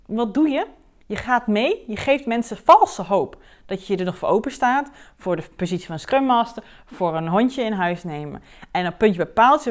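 A woman coach speaking straight to the listener in a podcast monologue, frank and direct, acting out the things her client and she herself said. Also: mid-range voice. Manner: direct, animated, acts out client and herself in quotes.

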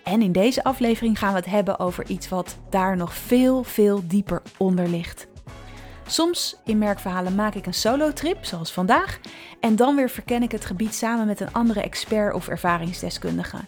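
A woman podcast host telling a personal story in an intimate, vivid way, slowing and drawing out her phrases and dropping into soft asides. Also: medium pitch, soft background music. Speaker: podcast host and brand strategist.

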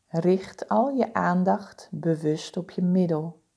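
A woman leading a guided body-scan meditation, giving calm, soothing, deliberate instructions with pauses. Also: on the low side, creaky, husky.

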